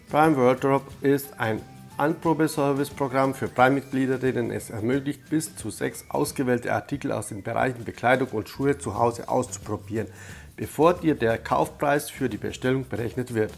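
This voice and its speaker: A medium-pitched male voice with vocal fry belongs to a YouTube channel host who has a cold. He guides the viewer through a casual step-by-step tutorial in a friendly, direct manner.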